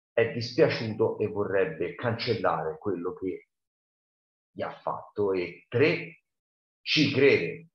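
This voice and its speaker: A man reading a novel aloud and explaining it in a conversational way. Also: on the low side. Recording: roomy, dull lo-fi sound.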